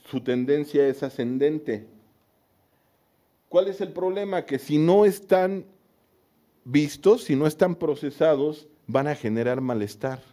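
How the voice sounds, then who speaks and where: A Mexican man, a psychotherapist, giving an informal radio talk with slangy, lively storytelling and frequent checks for agreement. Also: fairly high pitch, a little slow. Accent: Mexican Spanish. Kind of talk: informal talk lecture on self-esteem.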